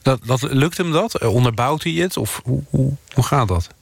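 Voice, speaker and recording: A man's voice: mid-range voice, lively intonation, normal speed, creaky, slightly rough, no echo. A male radio news presenter introducing a story and questioning a reporter in a conversational way, sometimes stumbling over his words.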